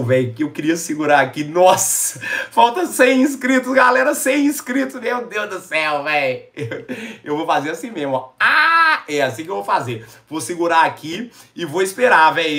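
A Brazilian man hosting a live stream, excitable and emotional, talking in slangy casual chat and close to tears. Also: high voice. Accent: Brazilian Portuguese. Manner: excitable, slangy, calls everyone "véi". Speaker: YouTube streamer.

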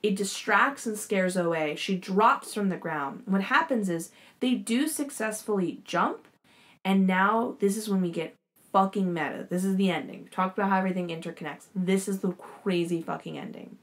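A woman's voice: lowish voice, fairly bright tone. Enthusiastic young woman rambling through a recap. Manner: enthusiastic, rambling, swears casually. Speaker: show host reviewing a series. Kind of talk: casual recap and commentary.

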